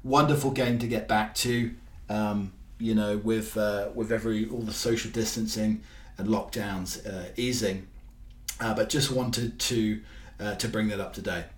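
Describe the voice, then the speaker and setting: A man's voice: lowish voice, fairly even intonation, unhurried. A man hosting a casual solo podcast, rambling along with frequent ums and restarts. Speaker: podcast host. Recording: roomy, from a distance.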